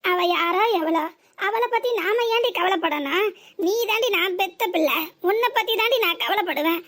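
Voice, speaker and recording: A woman's voice: very high-pitched, expressive, normal speed, a bit bright. A woman voicing a worried, scolding middle-aged mother in a cartoon comedy, with a southern Tamil Nadu accent and a nagging, exasperated way of talking.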